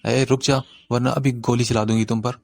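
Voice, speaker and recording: A man's voice: level tone, gravelly, a little mellow, dry recording. A man reading an audiobook voices a tearful, hot-tempered young woman who cries one moment and threatens the next. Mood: tearful, bossy. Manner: sobbing complaints turning to shrill threats.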